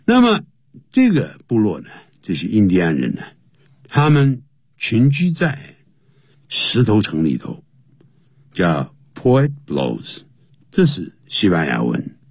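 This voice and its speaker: A man gives an English lesson, explaining slowly and spelling words letter by letter, with his voice leaping high to stress key points. His pitch swings enormously, and his voice is gravelly and slightly rough. The recording is clean studio sound with no room ambience.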